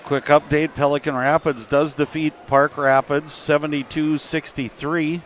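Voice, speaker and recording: A man giving relaxed, folksy color commentary and score updates during a basketball broadcast. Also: fairly high pitch, measured pace, a little hiss or hum.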